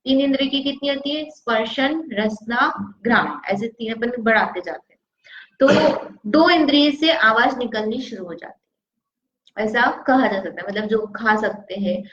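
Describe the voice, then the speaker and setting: A woman's voice: a little high, measured pace, fairly bright tone. Woman teaching scripture in a roomy, dull recording. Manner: asks the class questions, then answers them. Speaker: religious teacher. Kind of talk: scripture lesson. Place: studio.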